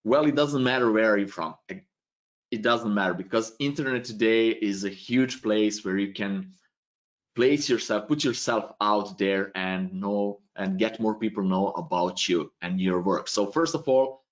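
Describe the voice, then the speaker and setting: A man's voice: on the low side, unhurried. Serbian-accented man on a muffled stream. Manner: loose, thinking aloud, non-native phrasing. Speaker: webinar presenter answering questions. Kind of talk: live tutorial Q&A. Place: small home room indoors. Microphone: webcam video call. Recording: dull lo-fi stream audio.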